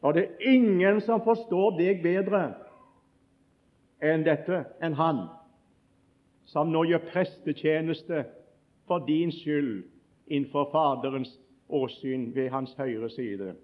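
A male preacher giving a sermon, telling a story earnestly with frequent restarts and emphatic peaks, on a dull lo-fi recording. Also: fairly high pitch.

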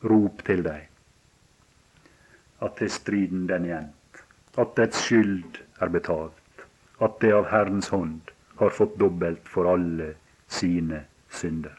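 A man preaching a sermon with a somewhat low voice. He speaks haltingly, restarting and repeating words, then lifts his voice in emphatic runs. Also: a little mellow, slightly rough.

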